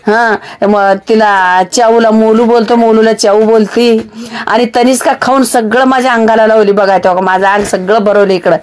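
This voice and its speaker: A woman's voice: on the high side, level tone, normal speed, hardly any pauses. Chatty woman narrating a home vlog. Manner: chatty, rambling, with frequent fillers and restarts. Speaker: vlogger.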